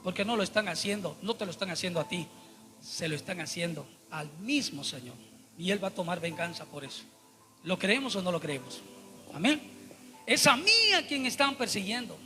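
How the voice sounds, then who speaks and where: A man's voice: sits high, animated, a little fast, fairly bright tone, big-room sound, faint music behind. A man preaching a Bible study sermon, emphatic and repetitive, often turning to address his listeners as brothers.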